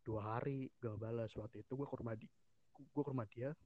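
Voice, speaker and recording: A man's voice: medium pitch, steady tone, fairly quick. A man telling a personal story in casual podcast chat, slangy, with many restarts and quoted lines. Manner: slangy Jakarta street talk, many restarts. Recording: dull lo-fi sound.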